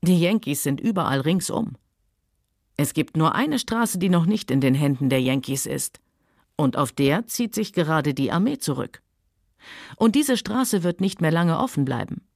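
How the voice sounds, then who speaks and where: A woman reading a novel aloud, voicing a worldly, sardonic Southern gentleman who speaks coolly and mockingly. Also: low voice, lively intonation, normal speed, vocal fry, no echo, clean studio sound, exaggerated voice. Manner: sardonic, cool, later soft and soothing.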